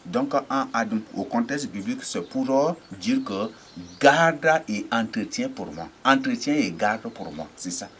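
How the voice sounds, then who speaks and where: A man preaching a teaching sermon, halting and repeating words, often asking rhetorical checks. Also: medium pitch, animated, a little hiss or hum.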